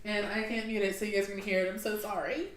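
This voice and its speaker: A woman's voice: medium pitch, flat delivery, rapid-fire, background noise. A young woman from the southern United States chatting casually on a livestream, laughing often and sniffling from draining sinuses as she answers viewer questions. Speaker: livestream host.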